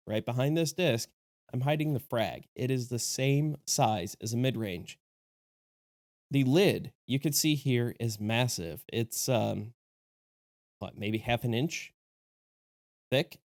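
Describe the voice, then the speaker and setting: A disc golf video host, clearly under the weather, talks through a laid-back review vlog with plenty of enthusiasm and joking. His mid-range voice is a bit mellow, captured with clean studio sound and no room echo.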